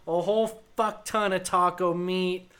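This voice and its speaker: High-voiced man telling a story. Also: unhurried, clean tone. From Wyoming, USA. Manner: animated storyteller who swears freely. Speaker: podcast co-host. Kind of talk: casual chat.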